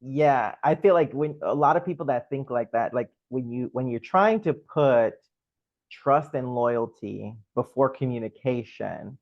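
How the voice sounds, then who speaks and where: A man's voice: mid-range voice, unhurried, creaky, no echo. A man hosting a podcast interview, asking questions and affirming his guest. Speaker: podcast host. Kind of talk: conversational interview. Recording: dry, slightly dull sound.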